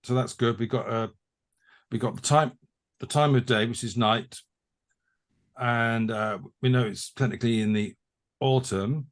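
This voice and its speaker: A man tutoring a haiku workshop over a video call, talking in halting restarts as he thinks aloud. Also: medium pitch, fairly even intonation. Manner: halting, repeats words while thinking. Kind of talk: conversational teaching.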